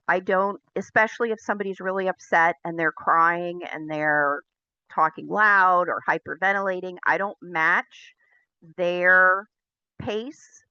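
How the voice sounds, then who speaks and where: A woman lectures on running pet detective consultations, measured and clear in her explanations. Her voice is bright and a little tense, pitched slightly low for a woman. The recording is dry and somewhat dull. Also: no room sound. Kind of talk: recorded business class lecture.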